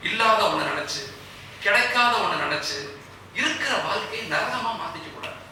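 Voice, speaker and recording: High-voiced man speaking in an echoey hall. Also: expressive, moderate pace, distant mic, background noise. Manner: repeats key phrases for emphasis, quotes scripture. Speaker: invited speaker, Islamic scholar. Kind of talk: motivational speech to business people. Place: event hall.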